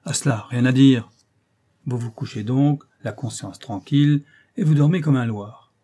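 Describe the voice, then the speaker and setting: A man voicing a sly, soft-spoken old clerk. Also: mid-range voice, normal speed, natural voice. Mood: insinuating. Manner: gentle, insinuating. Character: mild, sly old male bailiff's clerk. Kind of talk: audiobook character voice.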